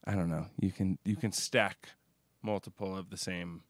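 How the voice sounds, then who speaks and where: Male co-host, lowish voice, dry close sound, hesitant and exploratory. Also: fairly even intonation, moderate pace, no echo. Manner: hesitant, thinks aloud, hedges. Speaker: podcast co-host. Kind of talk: casual chat.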